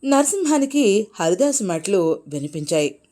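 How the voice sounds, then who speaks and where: A woman narrating a moral folk tale in an expressive, animated storytelling voice. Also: medium pitch, moderate pace.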